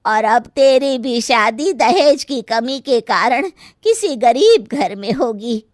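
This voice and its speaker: A greedy, stingy mother-in-law who grumbles about money and dowry. She talks slowly and high, with a dry close sound. It is a cartoon story voice. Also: lively intonation, no room sound. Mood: grumbling. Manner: slow, grumbling, complaining. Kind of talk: animated story voice acting.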